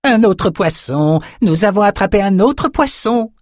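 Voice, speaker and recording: A squealing albino runt of a shaman shrieks in a very high, excited voice. It sounds thin and wild. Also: a little slow, dry recording, studio quality.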